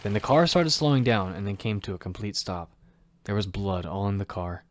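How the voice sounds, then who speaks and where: Here the same kind of role, a determined young fighter telling his survival story in first person, is voiced by a man whose pitch sits on the low side and whose speed is normal. He sounds close to everyday speech while narrating dramatically as lead actor of this amateur audio fiction, recorded with obvious noise and clicks.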